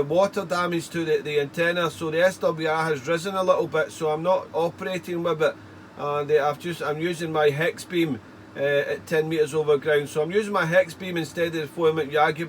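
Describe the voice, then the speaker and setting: A man working as an amateur radio operator chats casually with call signs, rambling in a stop-start way and repeating words. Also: a little high. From United Kingdom. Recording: faint steady background noise.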